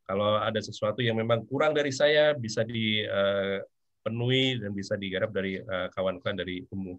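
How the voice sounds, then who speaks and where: A male visiting professor giving formal remarks at a meeting, hesitant and full of pauses. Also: lowish voice, fairly bright tone, dull audio. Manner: hesitant, many fillers.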